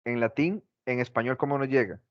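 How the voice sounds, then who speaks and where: A man's voice: medium pitch, fairly quick, no room sound. A male teacher giving a class lecture, asking the class questions and repeating his examples, on a dull lo-fi recording.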